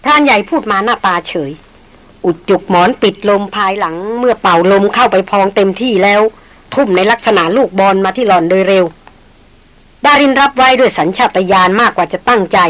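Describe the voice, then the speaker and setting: A woman's voice: medium pitch, fairly quick, fairly bright tone, no room sound, low-quality recording. Woman reading a novel aloud. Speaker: audiobook reader. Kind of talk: scripted novel narration.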